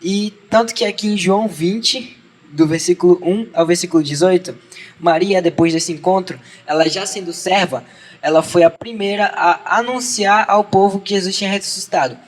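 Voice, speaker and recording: A man's voice: high-pitched, moderate pace. A teenage boy with a Brazilian Portuguese accent giving an earnest youth devotional, reading a Bible passage and then talking casually to his peers. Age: teens. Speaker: youth church speaker.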